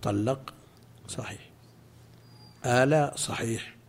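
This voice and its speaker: A male religious scholar lectures his students on a legal text. His voice is husky and sits at an ordinary middle pitch. He explains step by step and stops now and then to answer questions. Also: slow pace. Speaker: Islamic scholar teaching a class.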